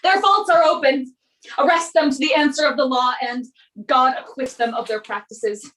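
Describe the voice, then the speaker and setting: Woman playing a high-voiced, commanding warrior king. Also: fairly bright tone, poor audio. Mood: stern. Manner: declamatory, measured. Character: stern, commanding young warrior king passing judgment. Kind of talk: Shakespearean stage acting.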